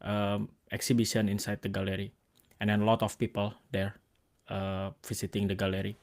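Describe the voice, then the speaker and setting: A man from Indonesia with an Indonesian accent, hosting a casual interview, speaking in halting bursts full of restarts and fillers. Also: on the low side, flat delivery. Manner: halting, restarts words, many likes and fillers. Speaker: host and photographer.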